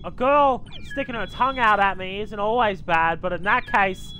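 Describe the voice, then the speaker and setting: A man's voice: high voice, moderate pace, pushed and bright, a little hiss or hum, poor audio. A man with an Australian accent chatting and teasing friends while playing an online game. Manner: joking, teasing. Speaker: player. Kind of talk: casual gaming chat.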